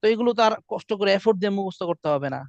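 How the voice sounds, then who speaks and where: A high-voiced man leads a classroom lesson, drilling his students through chanted call-and-response and patient explanation. The recording is dry and muffled. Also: expressive, rapid-fire, vocal fry, no echo. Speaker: Quran recitation teacher.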